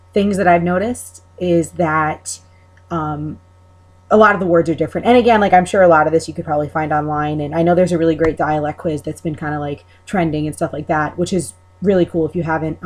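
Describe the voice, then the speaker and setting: A woman's voice: sits low, fairly even intonation, a little fast, darkish tone. A woman with a Long Island accent, talking casually and hesitantly as she explains things in a rambling, informal way. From Long Island, New York, USA. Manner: informal, hesitant, thinking aloud. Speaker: video maker explaining her accent.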